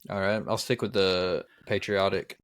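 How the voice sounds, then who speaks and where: A man's voice: sits low, level tone, moderate pace. A man co-hosting a casual podcast, hesitant and rambling, with lots of fillers. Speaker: podcast co-host. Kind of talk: casual chat.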